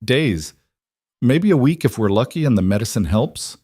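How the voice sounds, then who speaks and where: A man voicing a grave, kindly country doctor who speaks quietly, steadily and firmly, as an audiobook character. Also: mid-range voice, animated, moderate pace, husky, dry recording, studio quality.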